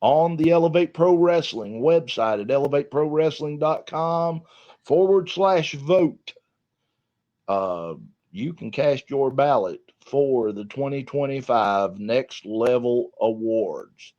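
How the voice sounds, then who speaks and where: Co-hosting a casual wrestling talk podcast, a man speaks slowly in a warm, medium-pitched voice with a folksy, drawn-out delivery. The sound is dull and lo-fi.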